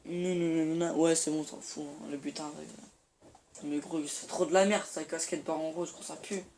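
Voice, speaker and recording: A teenage boy who makes gaming YouTube videos gives casual commentary while playing a shooter, talking in slang in an excitable, rambling way. His voice is a little high and his speed normal, recorded on a phone filming the screen with faint room noise.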